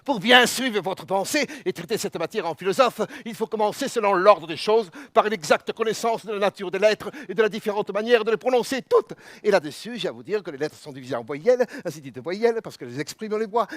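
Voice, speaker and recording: Guy playing a stuffy know-it-all tutor, spelling out vowels real loud and proper. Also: high voice, expressive, quick pace, few pauses, no echo, clean studio sound. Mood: pedantic. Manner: pedantic, declaiming, over-articulated vowels. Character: pompous male philosophy teacher.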